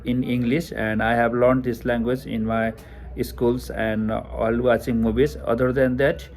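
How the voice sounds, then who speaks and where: A young Nepali man with a Nepali accent, a test taker, works through speaking exam practice questions hesitantly, full of fillers and restarts. His medium-pitched voice is level, measured and a little mellow, recorded on a headphone mic connected to a phone over Bluetooth.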